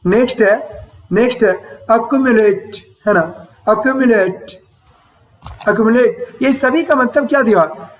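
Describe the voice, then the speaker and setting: A man with a high voice teaches exam vocabulary at an unhurried pace, going over each word and its meanings again and again. He speaks the English words with an Indian accent and keeps asking "है ना?" to check his students follow. The mic sits some distance from him, so his voice sounds a little far off. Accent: Indian English pronunciation. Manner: explains slowly, repeating words and asking "है ना?" after each point. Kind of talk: vocabulary lesson for exams.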